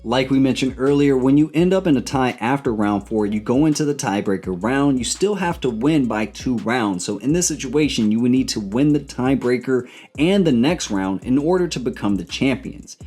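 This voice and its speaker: A man's voice: mid-range voice, animated, moderate pace, hardly any pauses, a little mellow, faint music behind. A man co-hosting a scripted video game guide, with a bouncy, jokey way of talking. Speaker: co-host of a gaming channel.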